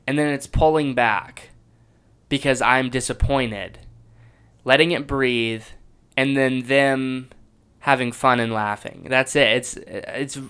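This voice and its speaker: Smooth-voiced man breaking down his comedy. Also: mid-range voice, slow pace, bright, forceful tone. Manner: enthusiastic and self-reflective, with restarts. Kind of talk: analyzing his own stand-up clip.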